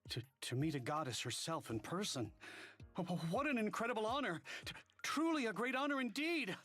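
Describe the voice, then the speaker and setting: A man's voice: high-pitched, sing-song, a little fast, bright, forceful tone, soft background music, full character voice. An actor playing a groveling, fanatical male platoon leader in a game, stammering with over-the-top reverence. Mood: awestruck groveling. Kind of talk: game voice acting.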